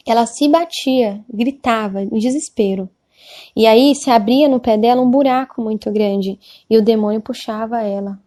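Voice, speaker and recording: A woman's voice: a little high, mellow. A woman with a Brazilian accent giving an earnest, hesitant religious testimony, repeating details as she goes. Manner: earnest, repetitive, hesitant retelling. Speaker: testimony speaker.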